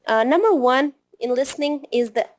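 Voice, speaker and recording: A woman's voice: high voice, normal speed. A middle-aged woman tutoring test takers in a video lesson, explaining step by step and often checking in with "right?". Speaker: TOEFL tutor. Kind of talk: video lesson, advice to students.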